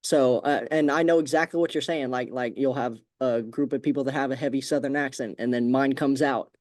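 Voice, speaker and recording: A man hosting a podcast, talking casually and relaxed with many fillers like "like". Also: mid-range voice, fairly quick, no room sound, clean studio sound. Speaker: podcast host. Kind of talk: casual conversation.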